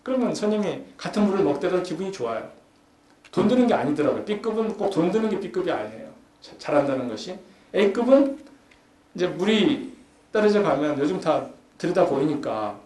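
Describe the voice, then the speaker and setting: Speaking in a youth forum's lecture hall, a man lectures conversationally, dramatizing everyday scenes and stressing his points more and more. His voice is on the high side and sing-song, darkish in tone, at a moderate pace with long pauses. The room is echoey, with a faint hum in the background.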